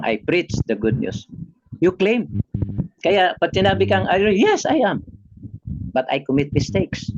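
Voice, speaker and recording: A man's voice: lowish voice, creaky. A Filipino man preaching a sermon, mixing in English and asking the congregation "amen?" as he goes. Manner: preaching with call-and-response "amen?". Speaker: pastor. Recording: dull lo-fi recording with background noise.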